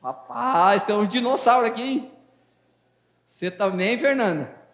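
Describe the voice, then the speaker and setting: An extremely high, fairly bright voice belongs to a pastor from Brazil, a man in his fifties, who preaches unhurriedly. His sermon is fervent and folksy, full of jokes for the congregation, captured in a church hall with long, echoing reverb.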